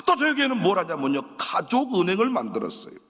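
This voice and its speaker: Husky Jeolla-accented pastor preaching dramatically. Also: male voice, high-pitched, huge pitch swings, fast, fairly bright tone. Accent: Jeolla Korean. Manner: dramatic, acts out dialogue in shifting voices. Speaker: guest pastor. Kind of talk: animated storytelling sermon. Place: large church sanctuary. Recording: echoey church hall.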